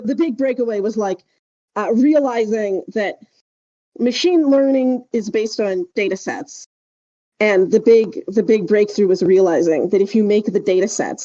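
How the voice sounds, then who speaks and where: This woman co-hosts a podcast, talking in a relaxed, meandering, conversational way. Her voice sits in the mid-range with a mellow quality, and the slightly dull, dry recording carries no room sound.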